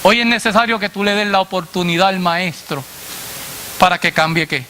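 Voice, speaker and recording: Man preacher, sermon, high voice, bright sharp tone, asks and answers himself, faint hiss. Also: moderate pace. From Latin America. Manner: call-and-response questions, dropping low on the answer; addresses the congregation directly as brother.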